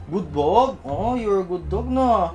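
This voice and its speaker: A man's voice: sits high, animated, takes it slowly, a little mellow, faint music behind. A man vlogging, playfully coaxing his dog and repeating commands over and over. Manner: playful, coaxing, repeats commands, code-switches Tagalog and English. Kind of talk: casual vlog.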